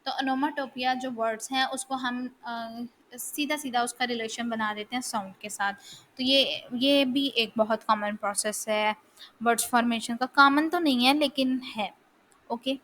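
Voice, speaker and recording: A woman's voice: a little high, measured pace, a bit bright. A woman lecturing on linguistics in a casual, explanatory way, often asking a question and then answering it herself. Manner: explanatory, asks and answers her own questions. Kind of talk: casual lecture in mixed Hindi-Urdu and English. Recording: faint background noise.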